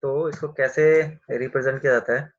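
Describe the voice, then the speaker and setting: A man teaching a class over a video call, explaining slowly and answering his own questions. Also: medium pitch, fairly even intonation, dull audio. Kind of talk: online class lecture.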